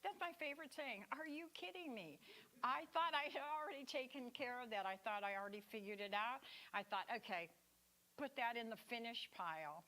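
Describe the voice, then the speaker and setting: A woman's voice: fairly high pitch, a little fast. Chatty woman giving a Sunday talk. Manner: chatty and animated, playful asides. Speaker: speaker at a spiritual center. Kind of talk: sermon talk.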